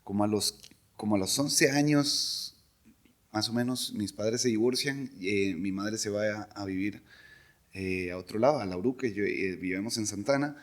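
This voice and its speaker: A middle-aged man with a Costa Rican accent, a podcast guest telling stories in a relaxed, rambling way with frequent chuckles. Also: on the low side, moderate pace. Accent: Costa Rican Spanish. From Costa Rica. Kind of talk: casual conversational storytelling.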